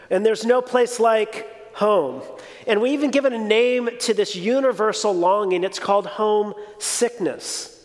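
A man in his forties giving a conversational, reflective sermon as a pastor. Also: sits high. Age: 40s. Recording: reverberant hall.

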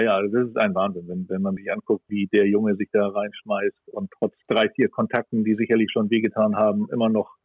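In a husky, lowish voice, a male sports pundit works through his analysis conversationally, considering each judgment aloud. The recording is dry, with a dull, band-limited sound.

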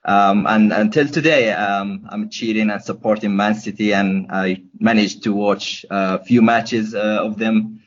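A man's voice: on the low side, steady tone, unhurried, few pauses. A young man from Gaza, answering podcast questions hesitantly, with many ums and restarts. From Gaza, Palestine. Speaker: podcast guest. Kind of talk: casual interview answers. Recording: dull lo-fi podcast audio.

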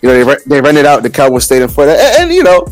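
A man's voice: on the high side, big pitch swings, very fast, no room sound. A man co-hosting a loose, profane podcast chat, often restarting his sentences. He sounds close and dry, with faint music playing underneath. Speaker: podcast co-host. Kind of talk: casual chat.

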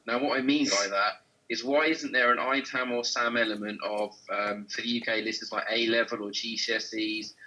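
A man hosting a podcast interview, chatty and relaxed, with lots of ums. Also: mid-range voice, poor audio. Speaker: podcast host.

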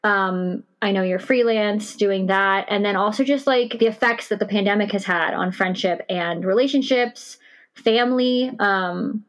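A woman's voice: medium pitch, a little slow. Woman podcast host chatting informally. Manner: informal, hedging with "like" and "you know". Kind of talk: casual podcast conversation. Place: recorded in a shed.

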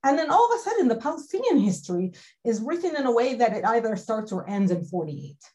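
A woman's voice: on the high side, sing-song, fast, dark tone, rough recording. A woman from the Galilee speaking as a researcher on an academic panel, earnest and explanatory, with frequent fillers. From Israel (Galilee).

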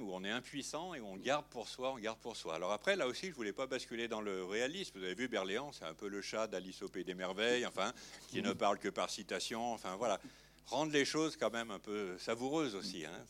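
A man with a lowish voice, talking about his film in an interview. He rambles on in loose, unhurried sentences, circling back and filling the gaps with small tag words. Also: a bit bright, slight background noise. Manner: rambling, filler-heavy, frequent "hein". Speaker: film director. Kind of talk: interview conversation.

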